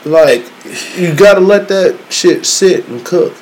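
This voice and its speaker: Higher-pitched man talking like a frat bro. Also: slow pace. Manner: slangy frat-bro talk, peppered with "bro" and "man"; repeats phrases for emphasis, heavy "you know what I'm saying". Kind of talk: casual chat among male friends. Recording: steady background noise.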